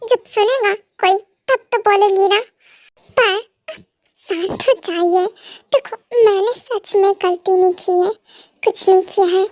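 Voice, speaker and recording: A woman's voice: very high voice, measured pace, a little mellow, dry recording. A woman voicing a frightened young wife in an amateur fan dub, pleading tearfully and stammering. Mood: tearful protest.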